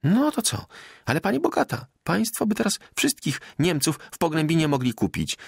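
An excited, out-of-breath peasant wife chatters on in rustic country talk in this storybook reading, her voice lifted well above the reader's own. A man acts her out, keeping his creaky grain under the high, swooping lines. It was recorded in a dry, close studio. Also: normal speed, no room sound, full character voice. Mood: eager. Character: chattering breathless village wife, middle-aged woman.

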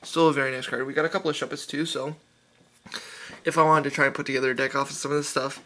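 A man casually opens card packs on camera, enthusiastically rattling off card names in rapid-fire succession. His voice is medium-pitched, level, and sharp in tone.

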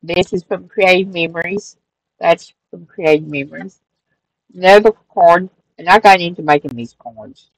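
At a normal speed and on the low side in pitch, a middle-aged woman narrates a casual look through her handmade craft journal. She hosts a crafting channel from her craft-room table and rambles in a relaxed way, correcting herself and using fillers. The recording is rough, with no room sound.

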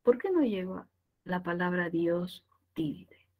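A woman with a Peruvian Spanish accent, teaching a class and answering her own questions in a lively way. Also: lowish voice, takes it slowly, narrow, tinny audio. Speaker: language teacher. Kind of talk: classroom lecture.

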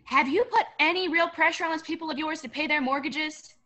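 Casting: young woman as contemptuous moneyed villainess, bright high voice, imperious radio play delivery. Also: fairly quick. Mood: cold, scornful. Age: young adult. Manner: imperious, scornful. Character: mean, rich, contemptuous businesswoman villain.

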